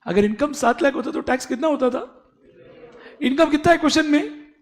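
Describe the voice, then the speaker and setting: Animated tax teacher. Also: male voice, very high voice, moderate pace. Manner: animated, addresses students as "beta", mixes English and Hindi. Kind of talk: classroom lecture.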